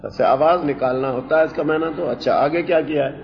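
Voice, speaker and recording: A man leads a scripture lesson and goes through each word with care, repeating phrases as he explains them. His voice sits a little high. The recording is dull, with a long hall echo. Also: steady tone. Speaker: teacher. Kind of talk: Quran translation lesson.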